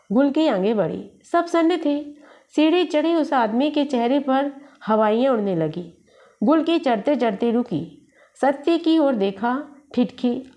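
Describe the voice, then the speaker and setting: A woman reading a literary short story aloud in a steady, measured way. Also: sits high, dull audio.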